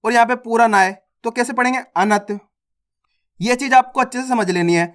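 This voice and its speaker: A man's voice: very high voice, quick pace, a bit bright. A man teaching reading, patiently drilling words one by one, saying each aloud, asking how it is read, and showing the wrong way to say it. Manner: addresses viewers as friends, casual classroom tone. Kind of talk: online reading lesson, word drills.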